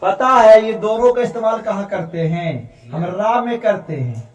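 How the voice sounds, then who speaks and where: High-voiced teacher in an echoey classroom. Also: male voice, animated, measured pace. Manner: patient, repeats sounds aloud for students. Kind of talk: classroom grammar lesson. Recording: echoey classroom, distant mic.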